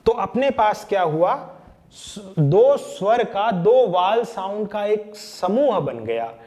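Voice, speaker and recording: A male teacher walks through a poetry lesson with a fairly high voice. He speaks slowly and counts out each syllable and beat in turn. His delivery stays patient and steady. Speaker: literature teacher.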